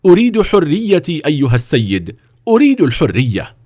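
A man voicing a brave, humble peasant who answers simply and calmly. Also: fairly high pitch, a little fast, no room sound, studio quality, voice pushed up. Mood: fervent. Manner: calm, simple.

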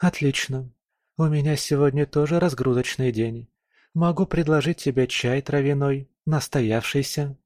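Reading an audiobook, a man voices a distant wife who speaks politely and coolly, pitching above his own voice in a lightly acted performance. His medium-pitched voice is a little mellow and moves at normal speed, recorded with clean studio sound and no room sound.

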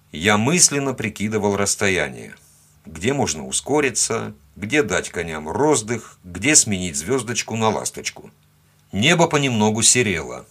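A man narrating a first-person story as an audiobook, telling it expressively and giving the quoted lines their own tone. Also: sits low.

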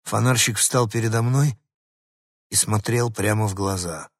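Man, storybook narrator, expressive, husky, dry close sound, mid pitch. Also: measured pace, no room sound. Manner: lively, expressive reading. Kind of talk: audiobook storytelling as the dog.

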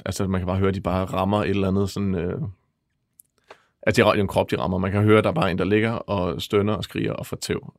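A man working as a press photographer, retelling events in a halting, vivid way during an interview. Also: sits low, vocal fry, no echo, studio quality. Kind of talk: interview storytelling.

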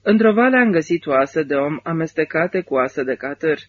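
A nervous, drunken lieutenant general talks in a shrill, melodramatic way, performed by a man reading the book. His voice rides high. The sound is dull and lo-fi. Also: expressive. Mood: melancholic. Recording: dull lo-fi recording.

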